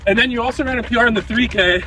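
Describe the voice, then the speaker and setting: A man's voice: extremely high pitch, very fast, sharp tone. A man hosting a casual interview while running outdoors, talking in loose, bro-ish slang with plenty of fillers. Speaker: podcast host, interviewer. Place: outdoors on a run. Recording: distant mic, outdoor ambient noise.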